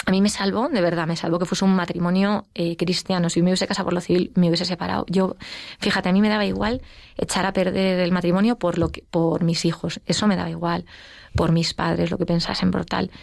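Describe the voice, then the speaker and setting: Fast-talking Spanish woman with gravelly voice. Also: on the low side, level tone, a little mellow, no room sound, studio quality. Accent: Spain. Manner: fast, emotional storytelling with acted quotes. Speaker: interview guest. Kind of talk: personal testimony in conversation.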